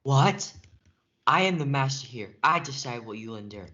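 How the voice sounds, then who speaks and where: Animated, commanding Lord Capulet, played by male student. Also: mid-range voice, moderate pace. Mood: stern. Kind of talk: student reader's theatre performance. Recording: dull lo-fi audio.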